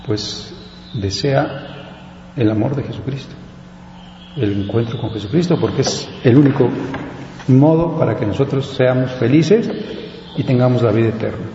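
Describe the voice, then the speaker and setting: Priest, male, reflective meditation, warm dark voice, roomy echo with faint hiss. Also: mid-range voice, gravelly. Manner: reflective, frequent "pues" fillers. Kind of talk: prayer and spoken meditation. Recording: dull echoey hall with faint hiss.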